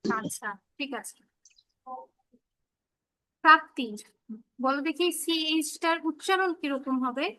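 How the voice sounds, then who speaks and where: High bright-voiced woman teaching phonics. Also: no echo. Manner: patient, repeats example words slowly and checks understanding. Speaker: English teacher. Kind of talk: online phonics class for children.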